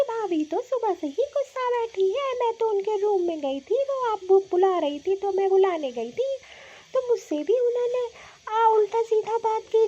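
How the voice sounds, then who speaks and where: A woman's voice: extremely high pitch, dark tone, muffled recording. A woman voicing a chatty, demanding young sister-in-law in a cartoon, with a whiny, pleading way of talking. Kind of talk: cartoon voice acting.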